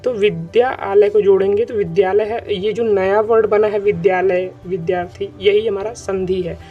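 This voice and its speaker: A man's voice: high-pitched, steady tone, normal speed. A man teaching an online grammar lesson who repeats his points and keeps checking that students follow. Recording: dull lo-fi recording with faint music.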